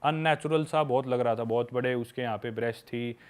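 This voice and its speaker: A man's voice: medium pitch, fairly quick, clear, resonant tone. A young man chatting casually on a podcast, telling candid travel stories and addressing the listener as a buddy. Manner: candid storytelling, calls listeners "bhai".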